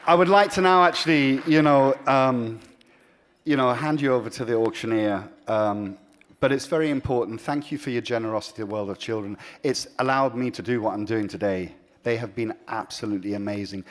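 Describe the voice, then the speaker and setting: A man with a mid-range voice gives a sincere speech accepting an award as a charity's founder. He often pauses and begins again, and his delivery alternates between emphatic and soft.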